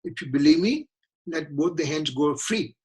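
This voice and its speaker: A man voicing God as a calm voice from the sky, speaking low and quiet. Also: moderate pace, natural voice.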